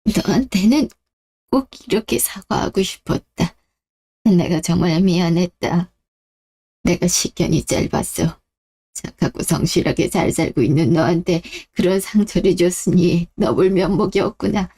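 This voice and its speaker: A performer voicing a remorseful, dying old father in a radio drama, who speaks slowly and heavily as he apologizes. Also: high-pitched, warm tone, breathy edge, full character voice. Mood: apologetic. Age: older.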